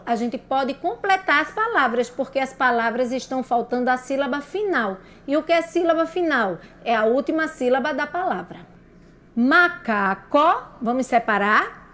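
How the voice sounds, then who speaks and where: A woman teacher giving a children's lesson on syllables, sounding each one out and checking in with a rising "right?". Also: sits high. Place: broadcast lesson for radio and video.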